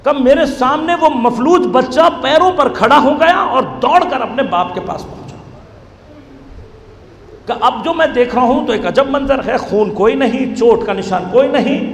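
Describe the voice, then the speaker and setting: A preacher telling a moving story in a dramatic sermon, building to loud, impassioned outbursts. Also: male voice, very high-pitched, lively intonation, moderate pace. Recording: echoey hall with faint noise.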